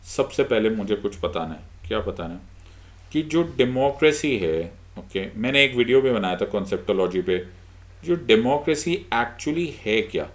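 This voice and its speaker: A man's voice: on the low side, moderate pace. A middle-aged Indian man teaching an exam-prep lesson, switching between Hindi and English with an Indian accent and putting questions to himself before he answers them. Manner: lively, mixes Hindi and English, asks and answers his own questions. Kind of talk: online lecture.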